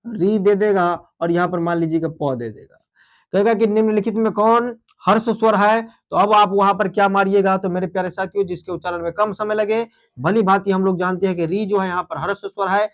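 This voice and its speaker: A man's voice: sits high, lo-fi sound. A man teaching a grammar lesson for exam students, repeating key phrases and calling his students dear friends.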